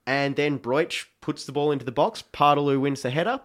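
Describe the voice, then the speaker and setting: A man talking football with friends in a casual podcast chat. His voice sits a little high, and he gets animated as he retells the big moments. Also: brisk. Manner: excited storytelling, animated retelling.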